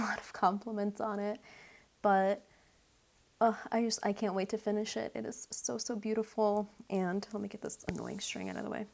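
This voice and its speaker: A young woman talks straight to her viewers in a chatty, gushing vlog, her voice carrying a light gravelly fry at the ends of phrases. She sits at a middle pitch and sounds a little out of breath. It is recorded on a camera mic at home. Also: darkish tone. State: a bit out of breath. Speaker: YouTube vlogger. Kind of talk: casual talk to camera.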